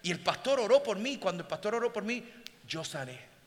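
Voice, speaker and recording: A male pastor telling a story in a sermon, moving between hushed passages and loud exhortation. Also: high-pitched, big pitch swings, a little fast. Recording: long hall reverb, faint ambience.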